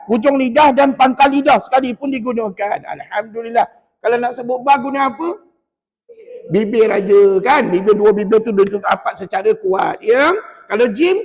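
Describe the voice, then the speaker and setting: High-voiced male teacher in a reverberant mosque. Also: gravelly, breathy edge. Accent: Malaysian Malay. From Malaysia. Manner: coaching, quizzing the class and modelling sounds. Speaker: Quran recitation teacher. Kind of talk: classroom recitation lesson. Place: mosque hall.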